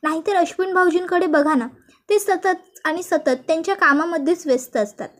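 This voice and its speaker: A woman's voice: very high-pitched, moderate pace. A woman voicing a young daughter-in-law who pleads and persuades. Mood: pleading.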